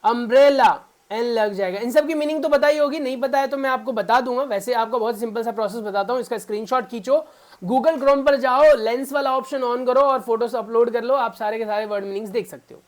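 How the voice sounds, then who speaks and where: A man's voice: extremely high pitch, fairly quick. A man teaching a spoken English grammar lesson to beginners. He keeps quizzing his viewers with repeated questions and talks to them in a fatherly way. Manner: fatherly, calls viewers son.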